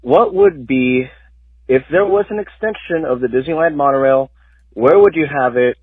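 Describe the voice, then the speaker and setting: A man's voice: mid-range voice, moderate pace, husky, no room sound. Man leaving a tinny voicemail. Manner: chatty, asks the hosts a question. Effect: voicemail played on the show. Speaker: caller. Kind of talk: casual voicemail message. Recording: tinny phone-line voicemail.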